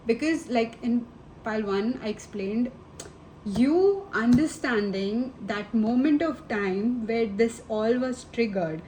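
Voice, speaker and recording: A woman's voice: on the high side, slow pace, warm tone, a little hiss or hum, rough recording. A woman giving a casual tarot reading to the viewer, affectionate and rambling, calling them babe and honey. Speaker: tarot reader.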